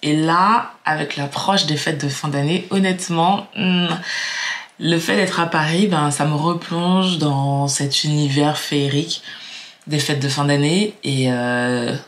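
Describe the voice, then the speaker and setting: A woman's voice: low voice, steady tone, measured pace. Chatty, musing woman from Martinique. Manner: chatty, musing, many fillers and repeats. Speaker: vlogger. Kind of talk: casual reflective vlog.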